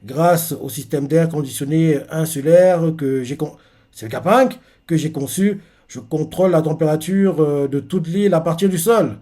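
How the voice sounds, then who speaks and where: A man reading aloud the lines of a giant child-shaped robot that calmly explains things, with hesitations. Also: on the high side, moderate pace, lightly acted. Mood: explaining. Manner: reads the lines flatly, with hesitations.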